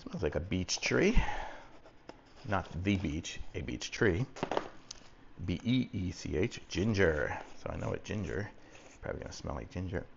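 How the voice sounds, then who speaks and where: A man's voice: low-pitched, lively intonation, measured pace, creaky, pauses often. A man from Texas talking in an easygoing, folksy, rambling way through a casual unboxing review. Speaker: product reviewer. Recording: muffled audio with faint background noise.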